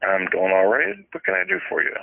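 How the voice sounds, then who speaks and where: Brief: low, gravelly clerk on the phone, short matter-of-fact answers, tinny line. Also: male voice, sing-song, brisk, slight background noise. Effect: heard over a phone line. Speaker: election office clerk. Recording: tinny dry phone call recording.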